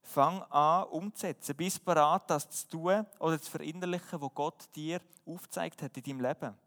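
A man's voice: on the high side, moderate pace, fairly bright tone, long reverb tail. A man preaching a sermon, earnest and emphatic, often asking rhetorical questions.

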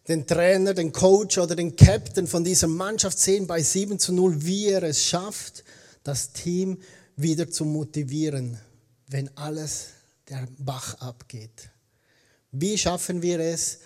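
This Swiss German man from eastern Switzerland is a guest pastor giving a sermon in standard German with a Swiss accent. His voice is a little high and a little mellow, and he tells stories conversationally, correcting himself as he goes.

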